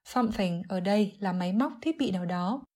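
A woman giving an English vocabulary lesson, explaining clearly and methodically, word by word. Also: mid-range voice, expressive, a little fast, darkish tone. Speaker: English teacher.

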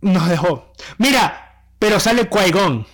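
A young man with a high, light voice. He co-hosts a casual podcast, talking in an animated way and often restarting mid-sentence. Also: takes it slowly, a crowd in the background. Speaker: podcast co-host.

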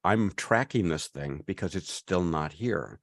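A man's voice: low-pitched, lively intonation, a little slow, gravelly. A man in his fifties co-hosting a podcast, telling a long story in casual chat with many restarts. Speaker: podcast co-host.

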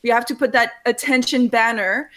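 Fairly high-voiced woman guest, halting and loose in her phrasing. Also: steady tone, a bit bright. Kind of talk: casual panel chat.

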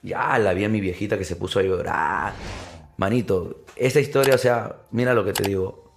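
A young man, a podcast guest telling an animated personal story and calling the listener brother. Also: on the low side, normal speed, creaky. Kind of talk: storytelling in casual interview.

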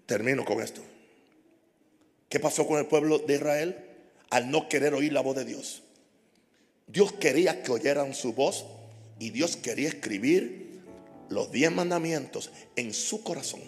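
A man preaching a sermon as pastor, impassioned and repetitive, building up to shouts. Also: mid-range voice, unhurried, long pauses, in a large hall, soft background music. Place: church hall.

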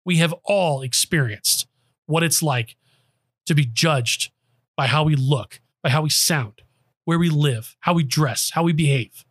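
A man's voice: on the high side, unhurried, a bit bright, no room sound, clean studio sound. A man hosting a podcast, delivering an emphatic, sarcastic political monologue into a microphone. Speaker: podcast host. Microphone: close studio microphone.

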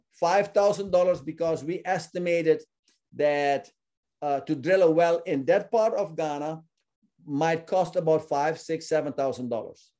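Male guest from Suriname, earnest and halting, fairly high, warm tone. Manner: earnest, often repeats words while searching for them. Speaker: ministry founder, guest. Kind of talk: casual interview talk.

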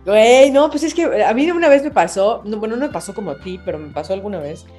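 A young woman with a Mexican accent tells a story as a podcast guest. She is animated and mimics people's voices and the sounds of the slot machines. Her voice sits at a middle pitch, with faint music behind it. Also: fast talker. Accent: Mexican Spanish. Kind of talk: casual chat.

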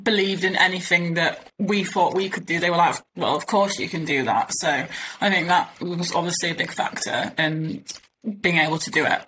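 A woman talks modestly and laughs easily. Her voice is a little low for a woman, and a faint noise sits behind it. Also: normal speed. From East Yorkshire, England. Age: 20s. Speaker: ocean rowing athlete, guest. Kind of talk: casual interview chat.

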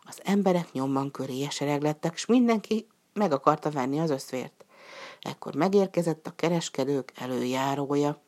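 In a calm, storybook style, a woman with a deep voice narrates a folk tale. Whenever a character has a line, her voice lifts.

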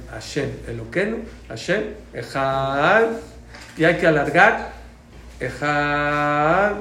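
A man teaching a prayer class, explaining points and quizzing his students. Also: fairly high pitch. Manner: lively, asks the class questions, repeats key points loudly. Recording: echoey room, faint background noise.

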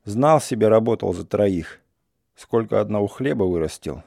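A man voicing a calm, gruff old village grandfather who scolds in a blunt, unhurried way. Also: lowish voice, no room sound, clean studio sound. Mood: gruff, scolding.

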